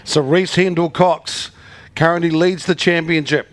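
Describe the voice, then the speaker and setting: A man's voice: fairly high pitch, fairly even intonation, measured pace, no room sound. A man with a New Zealand accent calling a motor race live as a race caller, building suspense in short punchy phrases and questions.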